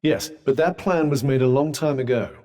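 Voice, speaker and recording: An actor with a British accent voicing an urbane, dry-witted, sardonic magic cuff in a video game, speaking in a formal, articulate way. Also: male voice, mid-range voice, normal speed, warm tone, natural voice. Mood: measured advising. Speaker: video game companion character. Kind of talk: scripted game dialogue.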